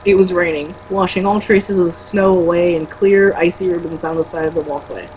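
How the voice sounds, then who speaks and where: A lowish, steady-toned, slightly mellow voice reads a novel aloud at a brisk pace, with poor audio and slight background noise. This amateur reader trips over words now and then and breaks off for blunt, sweary, mocking commentary in a casual way.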